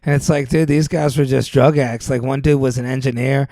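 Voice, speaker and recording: A man's voice: medium pitch, little pitch movement, a little fast, mellow, no room sound. A man as a podcast guest, casually telling loose, rambling stories and saying "dude" often, on a close mic. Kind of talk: casual chat.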